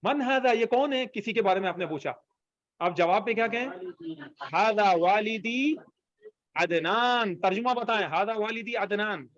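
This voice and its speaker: A man's voice: high voice, a bit bright, no echo, lo-fi sound. A man teaching an online language class, patiently repeating phrases for students to copy. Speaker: Arabic teacher.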